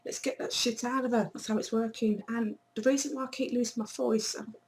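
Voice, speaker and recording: A woman chatting casually to camera in a vlog, her voice hoarse and failing, blunt and swearing now and then. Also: fairly high pitch, fairly even intonation, fairly quick, a little mellow, rough recording. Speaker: vlogger.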